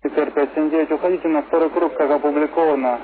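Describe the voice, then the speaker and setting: Quick, higher-pitched male tower controller on radio. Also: steady tone. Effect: aviation radio. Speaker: tower air traffic controller. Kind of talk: procedural radio instructions. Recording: tinny aviation radio with faint noise.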